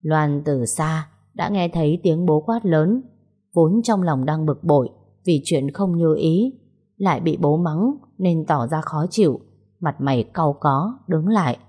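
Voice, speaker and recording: A woman narrating an audio story in a steady, measured reading voice. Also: low-pitched, slightly rough.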